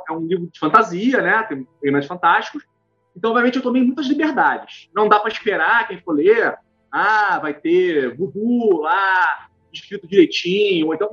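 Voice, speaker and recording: A man's voice: sits high, a bit bright. A man with a Brazilian accent, an author chatting casually and then reading his own book aloud, self-deprecating and full of filler tags. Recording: dull lo-fi stream with faint music.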